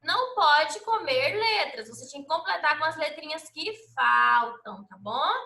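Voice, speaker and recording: A woman from Brazil teaches young children in a recorded lesson, sounding out letters and syllables with patient, sing-song care. Her voice sits high and bright. The room around her rings with echo. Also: lively intonation, measured pace, gravelly. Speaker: primary school teacher.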